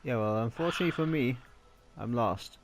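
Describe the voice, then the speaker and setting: A young Welsh man with a mid-range voice hosts a racing game video for his gaming channel, talking fairly quickly. His chat is casual, slangy and self-mocking.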